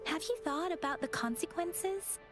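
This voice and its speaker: A woman voicing a kind, principled young heroine in a game, earnest and gently scolding. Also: very high voice, lively intonation, moderate pace, over music. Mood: stern.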